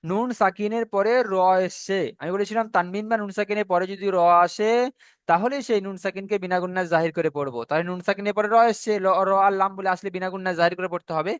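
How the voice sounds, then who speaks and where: A man with a fairly high voice teaches Quran recitation, walking through each rule step by step. He draws out the recited words slowly so they can be copied. The sound is close and dry, with no room echo. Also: fairly even intonation, clear, resonant tone. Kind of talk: online tajweed lesson.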